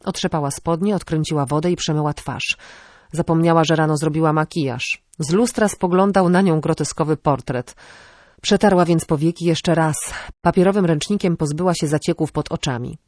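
A woman narrating an audiobook in a steady storytelling way. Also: low-pitched, moderate pace, no echo, studio quality. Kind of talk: scripted narration.

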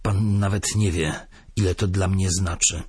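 A man voicing a gaunt, frightened male prisoner with a hoarse, rasping voice, pleading and fearful. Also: sits low, fairly even intonation, measured pace, a little mellow, no echo, studio quality. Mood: weary.

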